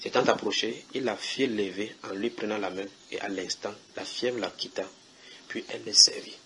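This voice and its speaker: A man's voice: fairly low pitch, normal speed, fairly bright tone, slight background noise. A man preaching at a house church, reading Bible verses and questioning his listeners in a conversational way.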